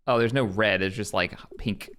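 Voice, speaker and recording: A man's voice: on the low side, normal speed, a bit bright, slight background noise. A man streaming a game live, chatting casually, reading on-screen prompts aloud and answering his chat. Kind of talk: casual live gameplay commentary.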